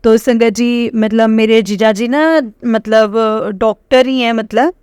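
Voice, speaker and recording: A woman's voice: fairly high pitch, flat delivery, unhurried, darkish tone, clear, resonant tone, no echo, clean studio sound. A woman telling a personal testimony to a congregation. She talks hesitantly, with many fillers and restarts, and often turns to address her listeners. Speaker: devotee sharing a personal experience.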